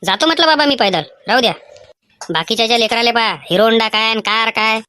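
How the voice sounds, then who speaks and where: A woman's voice: a little high, quick pace, bright, forceful tone. A woman voicing a cheeky, grumbling young village son in a cartoon, speaking. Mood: sulky. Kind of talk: cartoon voice acting.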